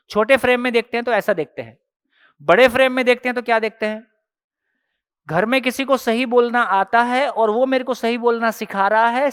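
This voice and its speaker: Leading a workshop session, a man teaches in a casual, conversational way with a smooth, resonant, extremely high-pitched voice. He explains step by step using everyday examples and keeps pressing the audience with rhetorical questions. A long reverb tail trails his words.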